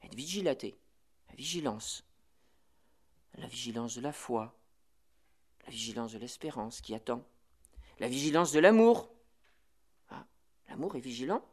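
A man, a priest, giving spiritual instruction on the prayer office. He talks in a lively, chatty way and reads Latin phrases slowly before explaining them. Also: medium pitch. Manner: lively, chatty teaching peppered with "voilà" and "vous voyez".

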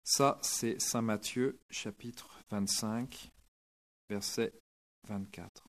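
Lively storytelling male preacher. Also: lowish voice, extremely slow. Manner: lively storytelling, dramatic retelling. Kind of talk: sermon.

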